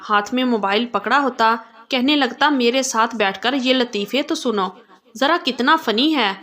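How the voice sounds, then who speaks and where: Higher-voiced woman narrating a story. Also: a bit bright. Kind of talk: first-person story narration.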